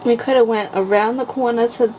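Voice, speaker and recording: A young woman with a fairly high voice co-hosts a relaxed podcast. She chimes in with short, playful quips and adds to the stories in casual chat. Faint noise sits behind her voice. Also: fast, recorded from a distance. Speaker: podcast co-host.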